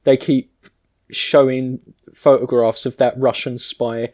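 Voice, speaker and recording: A man's voice: mid-range voice, level tone, slow pace, warm tone. A man hosting a podcast in casual comedic chat, with a sweary, bantering manner. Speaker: podcast host.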